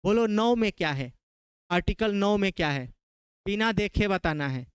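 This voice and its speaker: A man's voice: high voice, animated, normal speed, clear, resonant tone, no room sound. A man from Bihar with a Bihari Hindi accent, teaching a classroom lecture, quizzing his students and repeating key terms.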